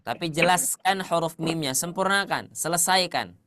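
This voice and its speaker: A man teaching a tajwid class, quizzing his students and confirming their answers, at times chanting Arabic verses slowly. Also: on the high side, background noise. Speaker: Quran recitation teacher.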